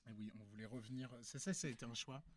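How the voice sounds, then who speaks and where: A male host keeps a casual live chat going from an open newsroom, joking and teasing his guests. His voice sits at an everyday middle pitch. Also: steady tone, racing. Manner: playful, teasing.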